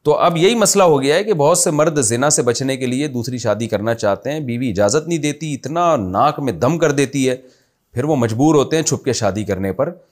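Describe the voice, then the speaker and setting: A man's voice: medium pitch, expressive, moderate pace. A man with a Pakistani Urdu accent answering listeners' religious questions in a conversational way, explaining with examples. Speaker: Islamic scholar answering questions.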